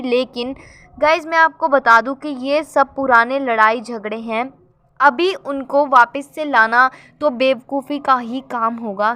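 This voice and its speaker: Bright-voiced woman vlogger, earnest commentary. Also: high-pitched. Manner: earnest, sympathetic, keeps addressing viewers as guys.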